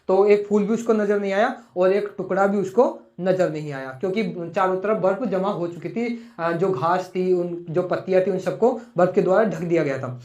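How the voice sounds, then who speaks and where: A man's voice: high voice, darkish tone, roomy sound, muffled recording. A man teaching a poem line by line, repeating each phrase and spelling out words as he explains. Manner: repeats and spells out words, slow for English lines.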